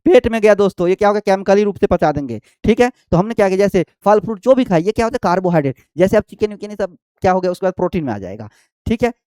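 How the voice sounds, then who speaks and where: A man's voice: high voice, animated, rapid-fire, mellow, clear, resonant tone, no room sound, studio quality. A male teacher giving an exam-prep biology lesson, repeating each point and quizzing the students as he goes. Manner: repetitive, quizzing, addresses students as friends and babu.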